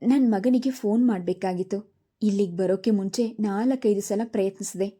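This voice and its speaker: Woman narrator voicing a timid middle-aged mother, very dark mellow tone, storybook reading. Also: medium pitch, normal speed, natural voice.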